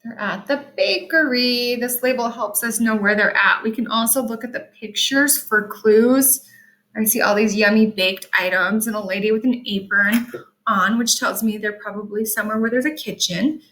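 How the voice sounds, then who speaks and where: Teaching young children to read, this woman runs a sight-word lesson and reads a picture book aloud, spelling things out patiently in a sing-song voice with deliberate, emphatic diction. She speaks at a fairly high pitch and normal speed, a bit bright. The recording is reverberant and rough.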